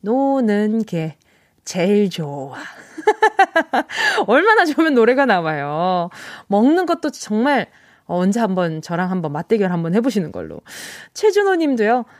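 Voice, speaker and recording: In a radio studio, a young woman from Busan, South Korea, hosts a show as the DJ, chatting casually, laughing often, and acting out the texts listeners send in. Her mid-range voice swings hugely in pitch at an unhurried pace. The studio microphone gives studio-quality sound with no room echo.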